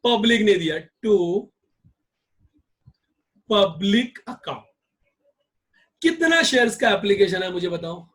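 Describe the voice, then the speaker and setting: A man's voice: sits high, lively intonation, takes it slowly, pauses often, a bit bright. A male accounts teacher giving a classroom lecture, drilling his students with repeated questions.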